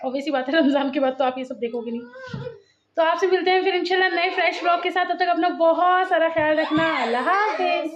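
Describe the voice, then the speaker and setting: A woman's voice: extremely high pitch, steady tone, fast. A young woman from India, a mother filming a casual home vlog, chatty and playfully scolding her kids, recorded on a phone in a family home. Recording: muffled phone audio with clear background noise.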